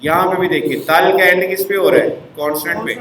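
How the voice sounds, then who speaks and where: A man's voice: sits high, fairly even intonation, quick pace, a bit bright, roomy sound, slight background noise, rough recording. A man teaching a language lesson step by step, asking his class to repeat words back.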